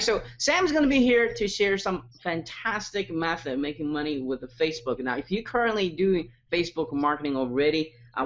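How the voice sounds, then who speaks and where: A man hosts an interview and promotes a product in an upbeat sales style, his voice fairly high-pitched and fairly bright, though the audio is dull. His hype-heavy delivery is repetitive, full of frequent check-in tags, and his English phrasing is non-native.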